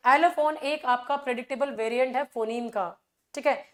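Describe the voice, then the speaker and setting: Indian woman teacher, high voice, quizzes the class with rhetorical questions and keeps repeating filler phrases. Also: moderate pace. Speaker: English teacher. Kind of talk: exam revision class.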